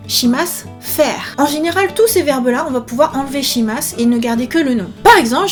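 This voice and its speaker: Woman w/ a high voice teaching grammar, patient, repeats stuff slowly, faint music behind. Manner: clear, patient, repeats phrases slowly, light laughs. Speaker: Japanese language teacher. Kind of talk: explaining grammar lesson.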